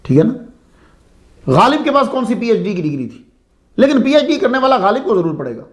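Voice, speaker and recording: A man's voice: very high-pitched, very animated. A man telling a saint's story as a sermon-style lecture, in a conversational way that asks the listeners questions. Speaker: religious speaker.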